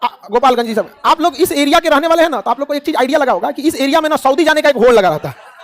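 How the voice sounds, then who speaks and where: A man's voice: extremely high pitch, expressive, rapid-fire. A man from Bihar with a Bihari accent, lecturing a class of students, asking them rhetorical questions, answering them himself and joking. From Bihar, India. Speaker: teacher.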